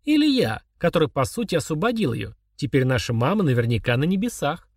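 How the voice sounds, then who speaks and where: A man's voice: fairly high pitch, very animated, fairly quick, slightly rough, dry recording, clean studio sound, full character voice. A man voicing Artur, a mocking killer son. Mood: coolly sneering. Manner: chummy, sneering, confessional tone. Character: young man, calm, mocking, murderous son.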